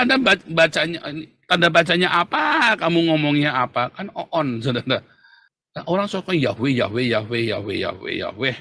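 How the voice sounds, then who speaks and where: A man's voice: on the high side, bright, forceful tone, no echo. Emphatic preacher man, dry sound. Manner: emphatic, rhetorical questions to listeners. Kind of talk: teaching sermon.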